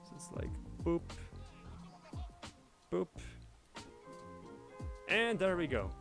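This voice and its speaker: A man's voice: high voice, sing-song, extremely slow, creaky, a bit bright, faint music behind. A young man from Indonesia, thinking aloud and narrating his steps at home while working on a project live. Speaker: livestreaming 3D artist. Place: home room shared with family.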